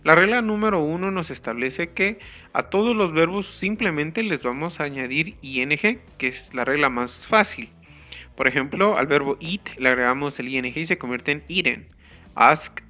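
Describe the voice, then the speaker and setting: Bright-voiced man teaching English grammar. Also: on the high side, animated, soft background music. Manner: slow, careful explanation, spelling letters out. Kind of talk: grammar lesson.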